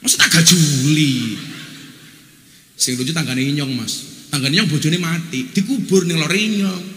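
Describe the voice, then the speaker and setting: A man with a Javanese accent giving a lively, joking sermon to a big gathering, dropping into local dialect for punchlines. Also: a little high, measured pace, slight background noise. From Java, Indonesia. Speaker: preacher. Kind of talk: lively humorous sermon to a crowd. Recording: echoey large hall.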